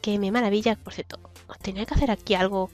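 A woman's voice: mid-range voice, steady tone, fast, a little mellow, faint music behind. A young woman giving casual, giggly commentary while playing a video game, humming to herself, her throat a little sore. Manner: chatty, giggly, hums and sings to herself. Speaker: gaming YouTuber.

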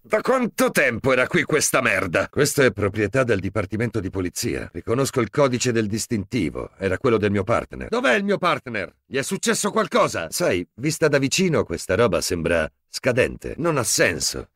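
An actor dubbing a hard-boiled, crooked, foul-mouthed male cop in a video game, gruff and sneering. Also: lowish voice, big pitch swings, moderate pace, hardly any pauses, fairly bright tone, no room sound, clean studio sound, full character voice. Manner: sneering, gruff tough-guy quips. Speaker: game character voice lines. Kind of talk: Italian game dub.

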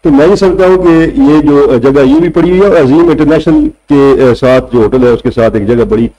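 A man's voice: fairly high pitch, moderate pace, dark tone, dull audio. A male senior journalist with a Punjabi Urdu accent, arguing his points with rhetorical questions on a studio panel. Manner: argumentative, rhetorical questions to the host. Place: TV studio set. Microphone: table mic.

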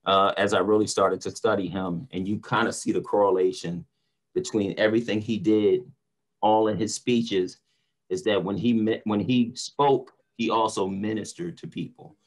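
The recording quality is low: a middle-aged preacher and motivational speaker from North Philadelphia, United States, talks at a moderate pace in a fairly low, fairly even voice. Joining a casual online panel over a video call from a small home or office room, he's earnest and emphatic, repeating words, on a computer mic.

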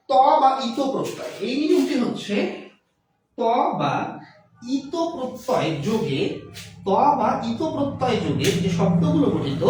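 Echoey teacher explaining with lively pitch. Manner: explains slowly, repeats words and examples. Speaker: Bengali language teacher. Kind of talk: classroom lesson on pronunciation rules. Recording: echoey room recorded from far off.

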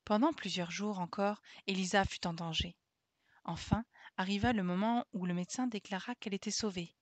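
A woman streamer reading a classic children's novel aloud in a calm, steady storytelling manner. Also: medium pitch, fairly quick, no room sound.

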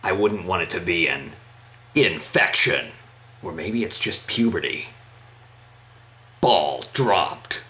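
A man in his twenties chatting casually to camera in a quick, offhand, joking way. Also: sits low, animated, pushed and bright. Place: small plain room indoors.

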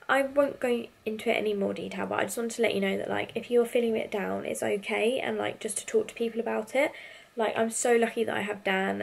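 A woman's voice: medium pitch, gravelly. A young British woman vlogging from her bedroom, chatting candidly and rambling a little into a handheld camera. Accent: British English. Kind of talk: casual chatty vlog. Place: bedroom at home. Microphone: handheld compact camera.

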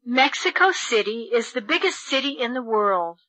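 A woman reading sentences for a school English textbook recording, enunciating slowly and precisely. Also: a little high, animated, bright, forceful tone, no room sound, poor audio. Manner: slow, precise enunciation for learners. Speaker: textbook audio reader. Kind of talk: slow, clear textbook reading.

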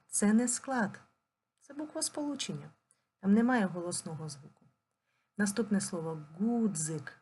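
A woman teaching a primary school language lesson, dictating slowly and clearly and drawing words out syllable by syllable. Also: lowish voice, darkish tone, slight background noise. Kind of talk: recorded online lesson.

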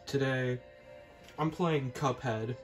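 A man doing casual gameplay commentary, laid-back and hesitant, swearing when he gets excited. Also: mid-range voice, slow pace, soft background music. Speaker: gaming streamer.

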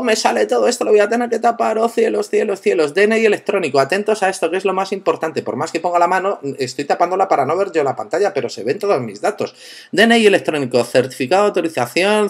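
Male tech tutorial host, slightly high voice, playful and exclamatory. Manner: playful, exclaiming, joking asides to viewers. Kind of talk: screen-recorded tutorial narration.

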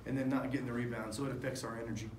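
Rambling coach in an echoey press room. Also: male voice, medium pitch, level tone, rapid-fire, a little mellow. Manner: candid, rambling with many fillers and restarts. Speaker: head basketball coach. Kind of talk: postgame press conference. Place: press room in front of a sponsor backdrop. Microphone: table microphones. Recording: echoey room with faint noise.

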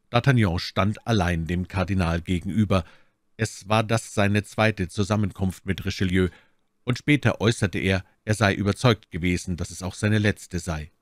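A man reading a classic novel aloud as an audiobook narrator, in an expressive, theatrical style. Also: deep voice, no echo, studio quality. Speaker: audiobook reader.

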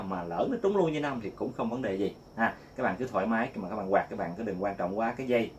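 A man giving a casual guitar lesson, talking in a chatty, repetitive way and counting strum patterns out loud. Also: on the low side. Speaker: guitar teacher. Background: loud guitar playing.

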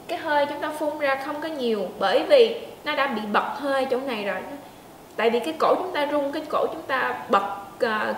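A woman teaching pronunciation, demonstrating sounds slowly and checking in with her learners. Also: high voice, slight background noise. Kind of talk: pronunciation lesson. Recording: echoey room with faint ambience.

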